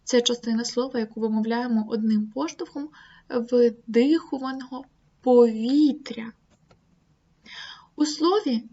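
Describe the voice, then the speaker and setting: A woman teacher giving a grammar lesson, saying example words slowly and deliberately. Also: a little mellow, slightly rough. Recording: dull low-fi recording, faint noise.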